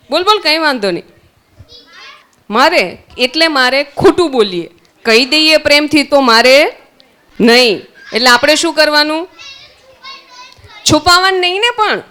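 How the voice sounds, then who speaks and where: Teaching young children at a summer camp, a Gujarati-accented woman from Gujarat, India poses questions and supplies the answers herself, in a high voice that sounds pushed and bright.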